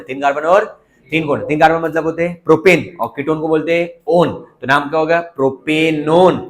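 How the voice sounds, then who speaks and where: A man teaching a chemistry lesson, constantly checking whether his students understood. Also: fairly high pitch. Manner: coaxing, keeps asking students if they understood. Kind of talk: classroom lecture.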